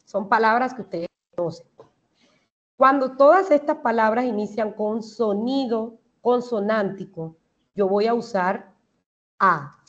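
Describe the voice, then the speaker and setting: A woman's voice: on the high side, a little slow, lo-fi sound. A woman with a Colombian Spanish accent teaching English grammar in an online class, explaining step by step and checking that the students understand.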